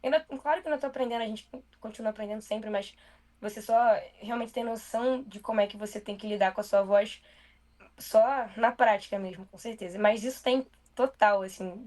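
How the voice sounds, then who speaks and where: A young woman with a Brazilian Portuguese accent, a journalist guest in a casual interview, who talks quickly and loosely with many fillers. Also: mid-range voice, steady tone, darkish tone.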